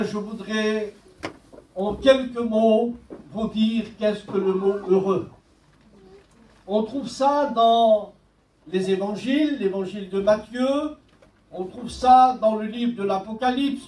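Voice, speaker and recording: A man preaching a sermon as pastor, speaking slowly and deliberately and quoting scripture. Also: sits high, slight background noise. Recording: echoey church hall, mic at a distance.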